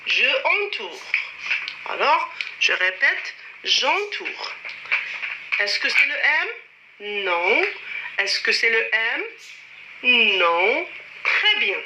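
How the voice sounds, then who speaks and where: A woman teaching French to young children in a slow, drawn-out way, counting strokes aloud and having the class repeat after her. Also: on the high side, very animated. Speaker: primary school French teacher. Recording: dull lo-fi recording with clear background noise.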